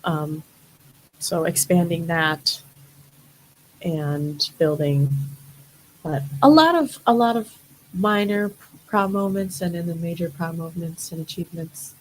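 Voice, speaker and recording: A woman's voice: fairly low pitch, expressive, slow pace, long pauses, a little hiss or hum, poor audio. A young woman, a model, chatting casually as an interview guest, rambling with many fillers.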